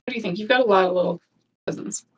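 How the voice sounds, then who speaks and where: A woman's voice: medium pitch, very fast, slightly rough. Chatty woman heard from a distant mic. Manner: chatty, laughs while reading posts aloud. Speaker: podcast co-host. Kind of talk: casual discussion stream.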